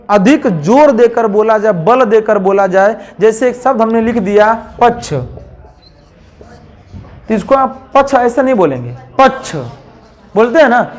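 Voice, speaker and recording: A male teacher giving a classroom grammar lesson, dictating headings word by word and often asking the class whether they have understood. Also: extremely high pitch. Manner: asks the class frequent checking questions.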